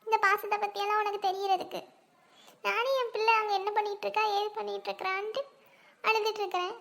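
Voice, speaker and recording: A woman playing a weepy, sharp-tongued middle-aged mother-in-law in a comedy sketch, wailing and scolding in a high, whiny voice. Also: little pitch movement, fast, creaky, heavily acted.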